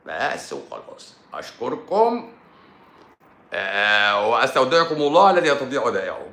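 An Egyptian man, a doctor hosting his own live stream, talking in an animated, sarcastic monologue and repeating points for emphasis. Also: mid-range voice, a little fast, echoey room. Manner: sarcastic, mocks critics in a playful tone; repeats himself for emphasis with frequent stumbles.

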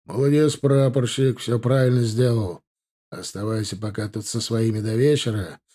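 A man voicing a calm army captain. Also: medium pitch, normal speed, natural voice. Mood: approving. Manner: calm, approving. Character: approving male army captain, calm authority. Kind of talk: audiobook character voice.

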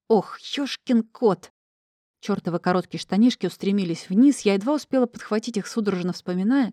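A woman's voice: medium pitch, a little mellow, no room sound, studio quality. Wry woman narrating a comic audiobook.

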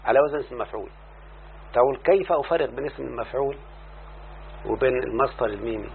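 A man with an Egyptian Arabic accent teaches Arabic morphology in a classroom lesson, speaking fast in a mid-range voice with vocal fry. He keeps checking understanding by firing constant questions at the student. The tinny lo-fi recording carries a faint hum.

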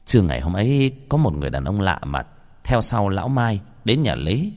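A man, telling a ghost story in a dramatic, expressive way. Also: on the low side, fairly quick. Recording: long hall reverb.

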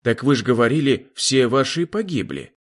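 A man voicing a sly, evasive old village elder who speaks slowly in a folksy, smiling way. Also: medium pitch, sing-song.

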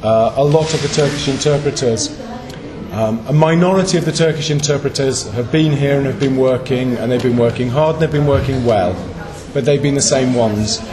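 An English man, an interpreter, giving feedback in a group discussion, pausing with many ums as he thinks aloud. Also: mid-range voice, a crowd in the background. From England. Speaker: conference interpreter.

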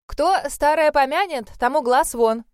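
Woman voicing a loud bustling mother-in-law. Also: a little high, expressive, moderate pace, smooth, no room sound, clean studio sound, lightly acted. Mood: boisterous. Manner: loud, exclamatory, fussing.

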